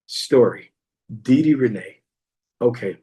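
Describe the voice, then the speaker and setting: A man hosting a podcast who tells a story in a casual monologue, animated, repeating phrases and jumping high when he quotes himself. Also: slow. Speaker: podcast host.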